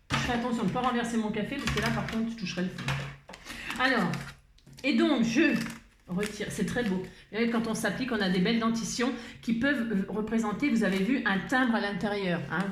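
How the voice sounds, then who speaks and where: A woman hosting a casual crafting tutorial. She rambles, often changes her mind mid-sentence, and chuckles a lot as she talks. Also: mid-range voice. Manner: chuckles often while talking. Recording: roomy echo, faint background noise.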